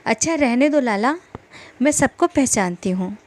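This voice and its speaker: A woman's voice: on the high side, expressive, measured pace, noisy background, pitched above the performer's own voice. A woman narrator voicing a fierce, defiant village wife who scolds sharply. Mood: furious.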